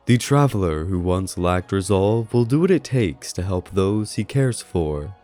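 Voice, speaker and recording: With music playing beneath him, a low, dark-toned man reads a scripted review as narration. He is a video essay reviewer, and his delivery is earnest and formally worded.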